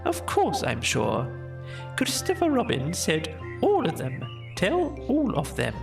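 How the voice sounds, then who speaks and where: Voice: medium pitch, wildly swooping pitch, takes it slowly, gravelly, over music, voice pushed up, exaggerated voice. A storybook narrator voicing a fussy, self-important owl who speaks with emphasis.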